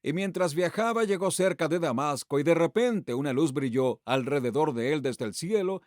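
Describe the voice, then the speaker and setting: A male pastor preaching a sermon with a high, animated voice that leaps up and down in pitch. He fires off rhetorical questions and reads scripture aloud with strong emphasis. The sound is dry and close, with little room echo. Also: moderate pace.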